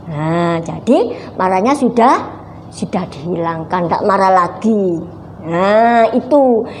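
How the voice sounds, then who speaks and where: A woman teaching a children's Sunday school Bible lesson in a slow, coaxing way, with an East Javanese Indonesian accent, sometimes putting on children's voices. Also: mid-range voice, expressive, darkish tone, a little hiss or hum.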